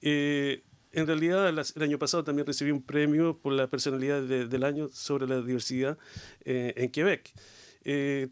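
A man's voice: a little high, level tone, moderate pace, clean tone, dry recording. A middle-aged man speaking earnestly in a panel discussion, with many hesitations. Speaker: guest, diversity advocate. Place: Quebec.

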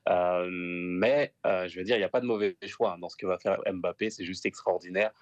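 A man, a former player, talking soccer in a casual panel, measured and thoughtful. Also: low voice, steady tone, dry recording, lo-fi sound. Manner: measured, thoughtful, drops fillers.

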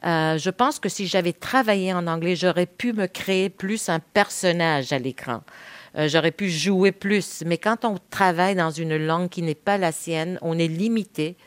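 Female guest, 50s, from Quebec, native Spanish speaker; low, earnest, hesitant delivery, dry close sound. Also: moderate pace, dry recording. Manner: earnest, reflective, frequent hesitations with "euh". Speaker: guest, veteran TV host. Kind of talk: candid interview conversation.

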